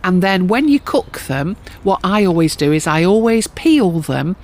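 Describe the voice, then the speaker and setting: A woman's voice: lowish voice, lively intonation, moderate pace, darkish tone. A woman co-hosting an allotment podcast, teasing and down-to-earth in casual chat. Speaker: podcast co-host.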